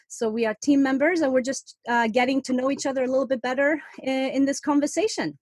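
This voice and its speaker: High-voiced woman interviewer. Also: fairly even intonation, fast, a little mellow, dry recording. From Iceland. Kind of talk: casual interview chat.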